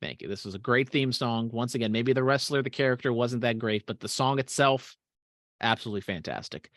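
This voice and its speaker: A man's voice: medium pitch, a little fast, a bit bright, dry recording, clean studio sound. A man co-hosting a podcast, chatting casually and swearing freely, often trailing off into mumbles. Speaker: podcast co-host. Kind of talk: casual chat.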